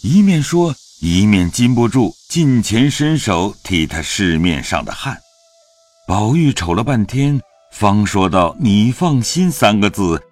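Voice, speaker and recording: A man with a fairly low voice tells the story slowly. His reading is expressive and the pitch rises and falls widely, with faint music under it. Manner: slow, expressive, dramatic reading. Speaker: narrator. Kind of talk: storytelling narration of a classic novel.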